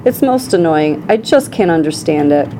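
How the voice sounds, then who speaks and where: A woman's voice: sits low, animated, normal speed, mellow, a little hiss or hum. A woman voicing a fretful, eccentric male candy maker in a storybook, fussy and given to resigned sighs.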